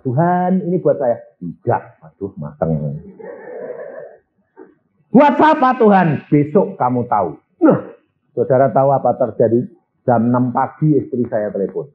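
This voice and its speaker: An older male pastor preaches with a lively, swooping voice, jumping from low asides to high exclaims as he acts out conversations. The sound is thin and narrow, like a phone line. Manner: animated storytelling, acts out dialogue with big pitch swings. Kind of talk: sermon with personal stories.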